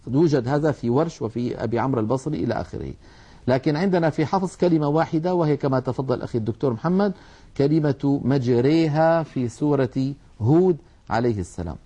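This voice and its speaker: A man's voice: medium pitch, fast talker, warm tone. A man teaching the rules of Quran recitation, explaining patiently and drawing out sounds to demonstrate them. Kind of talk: religious lesson on recitation rules.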